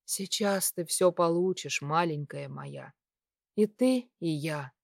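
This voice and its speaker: A woman doing a hushed, tender werewolf lover. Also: slow pace, no echo, clean studio sound. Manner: low, hushed and intimate. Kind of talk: audiobook character reading.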